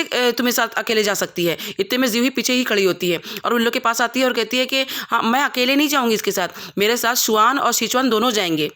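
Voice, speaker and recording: A woman's voice: fairly high pitch, pushed and bright. A woman narrating a drama recap, retelling each scene and quoting the characters' lines herself. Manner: fast, quoting every character in the same voice. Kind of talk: storytelling recap with quoted dialogue.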